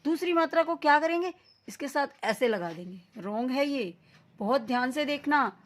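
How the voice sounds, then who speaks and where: A woman teacher giving a recorded lesson to young children, sounding out syllables slowly and with emphasis, mixing in English words. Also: high-pitched, expressive.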